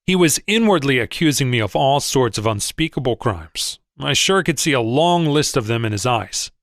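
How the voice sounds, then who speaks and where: A man reading a first-person story aloud as an audiobook narrator, in a measured, expressive manner. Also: mid-range voice, dry recording, clean studio sound. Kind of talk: scripted narration.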